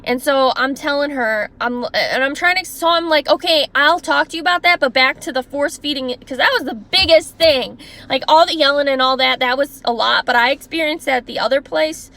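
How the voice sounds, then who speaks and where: Young woman, fairly high voice, passionate story-time vlogger, indignant and talkative. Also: bright, forceful tone. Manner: acts out her boss and others in quoted voices.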